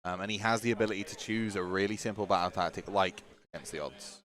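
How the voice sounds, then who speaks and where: A man's voice: low-pitched, steady tone, fast, fairly bright tone. A man giving casual live-stream commentary on a tabletop game, chatty and joking while he sorts out the stream.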